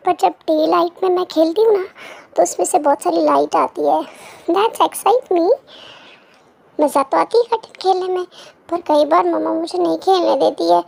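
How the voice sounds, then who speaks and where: Brief: cheerful baby girl narrating her day, very high pitched with a touch of fry. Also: a little mellow. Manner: chirpy, playful, talks straight to viewers. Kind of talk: cutesy vlog narration.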